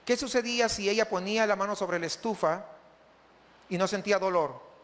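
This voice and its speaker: A man's voice: sits high, a little fast, a bit bright, long reverb tail. A man preaching a sermon as pastor, often asking the congregation questions.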